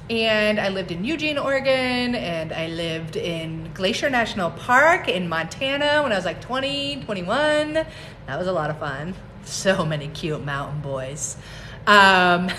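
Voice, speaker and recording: Woman, 40s, herbalist host, casual and laughing livestream chat, bright tone. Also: medium pitch, a little hiss or hum. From United States. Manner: chatty, laughs often, greets viewers by name. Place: home on a mountain, indoors.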